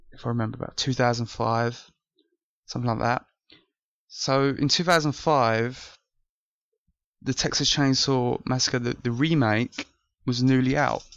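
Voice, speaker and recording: A man's voice: mid-range voice, fairly bright tone, clear, resonant tone, no room sound, muffled recording. Earnest young British man reviewing movies. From France. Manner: earnest, rambling with many restarts. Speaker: host. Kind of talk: casual movie review vlog.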